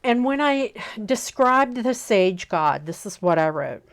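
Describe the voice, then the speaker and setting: A woman in her fifties hosting a relaxed spoken lesson, unhurried and often pausing to check in with an "okay?". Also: medium pitch. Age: 50s. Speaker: host teaching on pagan practice.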